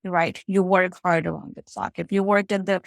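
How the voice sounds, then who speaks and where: A woman's voice: fairly low pitch, fairly even intonation, moderate pace, gravelly, no echo. Woman from Fiji, dry close sound. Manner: reflective storytelling, often adds "right?" and "you know". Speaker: guest, financial strategist. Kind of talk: casual interview conversation.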